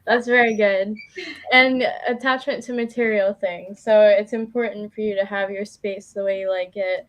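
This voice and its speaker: A woman gives a casual live tarot reading as a guest, chatty and informal, feeling her way through with hesitant phrasing and lots of "like." Her voice is medium-pitched and steady at a moderate pace.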